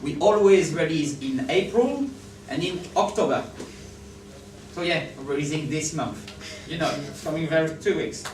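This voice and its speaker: In a big conference hall, a man with a French accent and a highish voice speaks at normal speed. This animated conference speaker frequently checks that the audience follows and agrees with him. The distant, roomy recording has a little hiss or hum.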